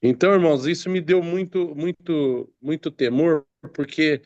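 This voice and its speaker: Halting preacher, fairly high voice. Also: male voice, a little mellow, dry recording, muffled recording. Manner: halting, many repeated fillers and restarts. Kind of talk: sermon reading and explaining scripture.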